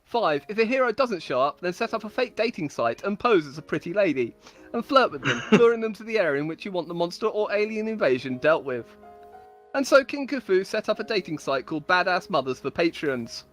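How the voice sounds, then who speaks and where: Faint music plays behind a woman with a lowish voice as she reads her own comedic stories aloud, storyteller-style, in a playful, mock-solemn, scripted performance. Her delivery is very animated and brisk.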